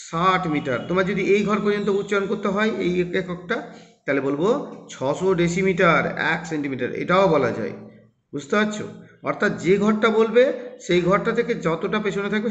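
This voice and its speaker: High-voiced man teaching kids math. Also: a bit bright. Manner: patient step-by-step explaining, asks and answers his own questions. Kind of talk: classroom math explanation for children. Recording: roomy, dull lo-fi recording.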